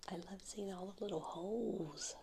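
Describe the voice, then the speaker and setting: A middle-aged woman whispering softly and gently in an ASMR storytime, with nail taps clicking behind her. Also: medium pitch, normal speed. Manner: whispering and very soft-spoken. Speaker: ASMR creator. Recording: noisy, with constant clicking and tapping. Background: tapping and clicking on seashells.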